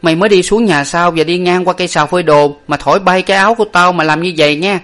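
A man's voice: sits high, fast talker, a bit bright, pitched above the performer's own voice. A man voicing an indignant young woman who scolds a servant.

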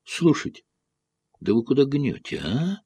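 A man voicing a lanky, easygoing cowboy who speaks bluntly with a slow drawl. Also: mid-range voice, big pitch swings, vocal fry, warm tone, husky, no echo, pitched above the performer's own voice, heavily acted.

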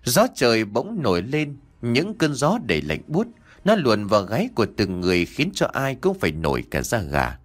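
A man's voice: wildly swooping pitch, moderate pace. A man narrating a ghost story in a dramatic storytelling style. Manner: dramatic, sweeping pitch.

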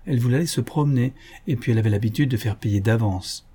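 A man narrating a novel in a measured, storytelling reading. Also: mid-range voice, mellow, slightly rough. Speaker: audiobook narrator. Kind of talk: literary audiobook narration.

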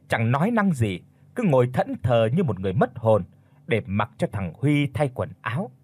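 A man narrating a horror audiobook in an expressive storytelling manner. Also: mid-range voice, slightly rough.

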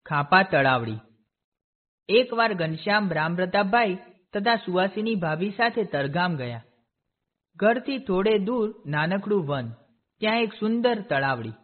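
Man reading a kids' story out loud, highish voice, sounds like over the phone. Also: lively intonation, a little slow, narrow, tinny audio. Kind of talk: storybook narration.

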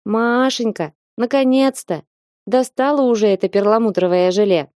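A woman's voice: a little high, moderate pace, a little mellow, dry recording, studio quality, close to an everyday voice. A woman voicing a cheeky, hungry male parrot with a squawky voice.

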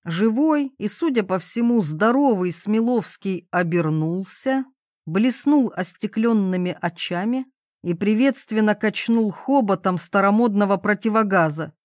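A woman's voice: medium pitch, animated, measured pace, a little mellow, dry recording, studio quality. A woman narrating an audiobook, telling the story expressively and acting out the dialogue. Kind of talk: scripted narration.

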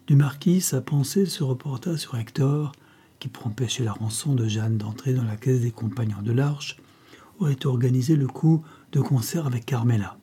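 A man's voice: medium pitch, normal speed, breathy edge. A man narrating a novel as an audiobook, telling it steadily and voicing the characters. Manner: steady storytelling with voiced characters.

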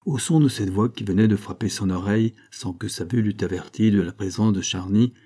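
A man narrating a classic novel in a calm, measured storytelling manner. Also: on the low side, slightly rough. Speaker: audiobook narrator. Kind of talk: literary audiobook narration.

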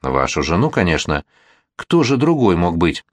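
A man reading an audiobook voices an eager young gentleman who teases and gets excited. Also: deep voice, moderate pace, no echo. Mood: teasing. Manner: teasing and excitable.

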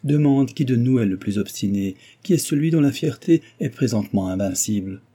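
A male audiobook reader voicing an ardent young gentleman suitor who speaks in a passionate, earnest and insistent way. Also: medium pitch, expressive, brisk, breathy edge. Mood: passionate, pleading. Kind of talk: audiobook reading.

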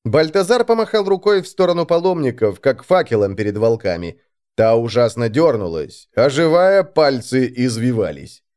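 A male narrator reading a fantasy audiobook with dramatic, expressive delivery. His mid-pitched voice rises and falls in lively swings across the telling. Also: moderate pace, clear, resonant tone. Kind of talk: scripted narration.

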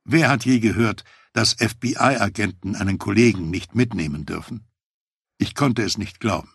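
A man narrates a first-person memoir in a measured, matter-of-fact way. His voice sits low and carries a husky grain. The recording is close and dry, with no room sound. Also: dry recording. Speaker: audiobook narrator.

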